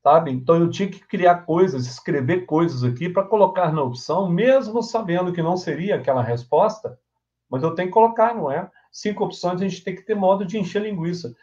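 A man teaches an exam-prep grammar lesson with a warm, mellow voice. He works through examples by asking questions and answering them himself, and keeps checking in with short prompts. The sound is dull and lo-fi, like an old broadcast. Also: high voice, lively intonation, fairly quick. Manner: explains step by step with question-and-answer drills. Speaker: English teacher.

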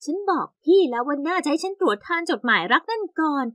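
A woman voicing a chatty young woman, her ex-boyfriend's sister, who speaks frankly in an animated story. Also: high-pitched, fast talker, no echo, clean studio sound.

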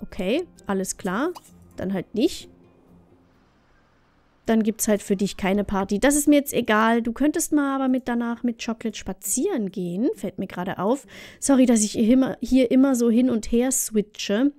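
A woman's voice: fairly high pitch, moderate pace, darkish tone, no echo, studio quality, soft background music. A woman hosting a let's play, chatting casually through her gameplay and talking directly to the game characters.

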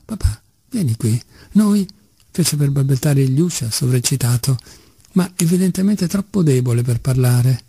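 A man reading a novel aloud in a measured, steady way. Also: on the high side, creaky, husky, dry recording. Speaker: audiobook reader. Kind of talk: literary narration.

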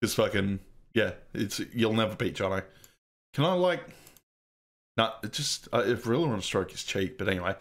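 Male host, casual let's-play chat, sweary and rambling, lowish voice. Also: normal speed. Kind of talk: casual game commentary.

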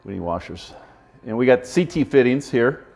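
A man's voice: medium pitch, lively intonation, moderate pace, vocal fry, a little mellow. A man in his forties demonstrating brewery equipment in an easygoing, slightly fumbling, self-deprecating way. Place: brewery floor among steel tanks, indoors. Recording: slightly dull, muffled sound.

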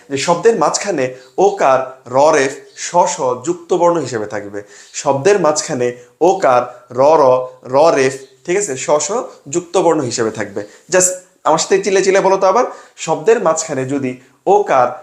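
A man's voice: fairly high pitch, roomy sound. A young man tutoring students for an admission exam, drilling grammar by asking a question and then answering it himself. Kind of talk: classroom lesson with sales pitch.

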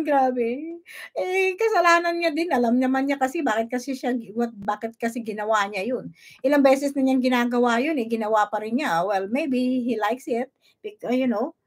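A woman from the Philippines hosting a vlog, chatting casually about a video, laughing often and reading out viewer shout-outs. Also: sits high. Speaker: vlog host commenting on a video. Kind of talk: casual live commentary.

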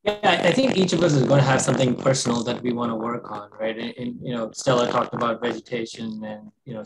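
A man in a video-call meeting, heard through a distorted, robotic-sounding microphone, talking in a measured way with small restarts. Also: mid-range voice, creaky. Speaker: meeting participant. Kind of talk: casual discussion. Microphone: computer microphone on video call. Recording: fuzzy distorted video-call mic with noise.

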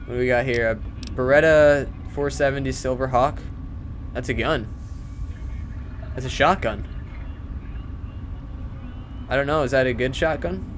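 Guy doing let's play commentary, mid pitched voice, rambly, freaks out and cusses in fights, faint hiss behind. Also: a little slow, pauses often. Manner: chatty and easily spooked, yelling and cursing in tense fights. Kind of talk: casual gameplay commentary.

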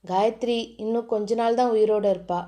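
A woman voicing a young husband, dropping her voice low to sound soft, gentle and affectionate. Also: normal speed, natural voice. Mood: grave. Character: lowered-voice young husband, tender and coaxing.

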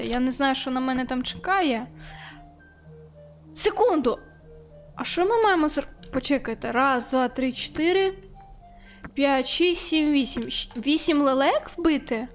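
High-voiced, excitable woman gamer. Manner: excitable, shrieks when frustrated; talks to the game. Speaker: gaming streamer. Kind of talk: let's-play commentary.

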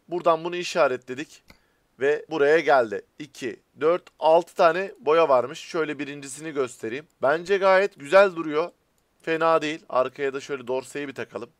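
A man speaking with a Turkish accent, giving casual, excitable gameplay commentary and chatting to his viewers as friends. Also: fairly high pitch, dry recording. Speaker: gaming YouTuber.

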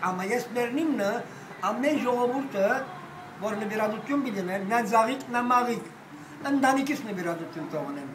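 An older man holding forth at a cafe table, boisterous and rambling, swearing and breaking into loud outbursts. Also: very high voice, animated, fairly quick, recorded from a distance, noisy background. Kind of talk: rowdy table talk. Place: cafe with glass front, indoors. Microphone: phone camera across the table. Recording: echoey room, voice off-mic, music behind.

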